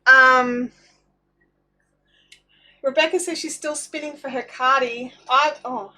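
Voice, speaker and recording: A woman with a very bright, fairly high voice. She chats casually to livestream viewers as she crafts, thinking aloud and interrupting herself in relaxed slang. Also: takes it slowly. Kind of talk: casual chatty livestream while knitting.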